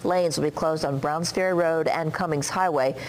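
A woman's voice: low-pitched, fairly even intonation, moderate pace, a little hiss or hum, rough recording. An American woman working as a television news anchor, reading items and chatting at the desk.

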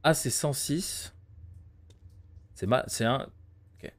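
A man's voice: mid-range voice, takes it slowly. A man in his thirties doing casual live game commentary, muttering to himself and talking to his chat. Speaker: game streamer.

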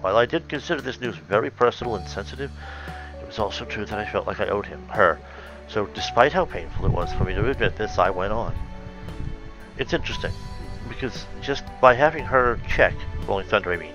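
A man with a lowish voice reads a story aloud, then breaks off to think it through, hesitating and correcting himself as he goes. The sound is a little muffled, with faint music underneath. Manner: thoughtful, halting, many fillers and self-corrections. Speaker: reader and reviewer of fan fiction. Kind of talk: reading aloud with commentary.

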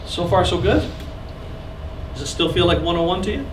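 A man in his thirties with a high voice and lively intonation speaks at a normal speed while leading a live recording clinic in a small classroom, explaining gear, joking with the seated audience and gesturing as he goes. A camera at the back of the room picks him up from afar, so the sound is echoey and noisy.

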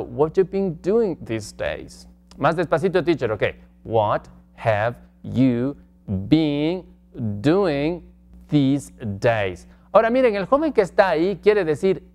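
A man teaching English grammar from slides, slowly stretching out example phrases and asking the class questions. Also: fairly high pitch. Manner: slow, drawn-out model phrases in English. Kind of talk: slide-based grammar lesson.

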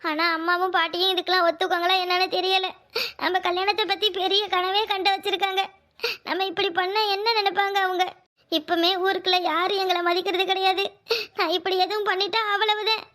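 A young village woman from a cartoon, as a woman acts her out, speaking a southern Tamil Nadu dialect. Her very high, bright voice carries an earnest, anxious resolve. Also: little pitch movement, fairly quick. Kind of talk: cartoon voice acting.

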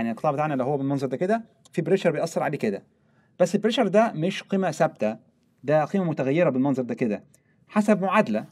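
A young man with an Egyptian Arabic accent, teaching a screen-recorded software lesson step by step and mixing in English technical terms. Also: a little high, breathy edge. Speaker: software tutorial instructor.

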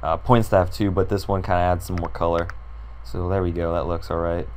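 This young man's voice is deep, low and hoarse from a sore throat, with little pitch movement and a fairly quick pace. Making a computer design tutorial, he thinks aloud and rambles with plenty of ums and uhs as he clicks, and a faint hiss runs under the audio.

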